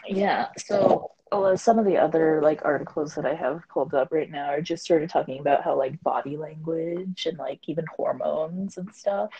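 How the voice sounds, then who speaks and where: A woman's voice: low voice, moderate pace, hardly any pauses, mellow, breathy edge, dull audio. A woman in her twenties, co-hosting a casual podcast chat, rambling with lots of fillers. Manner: rambling, filler-heavy, frequent laughter. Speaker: podcast co-host.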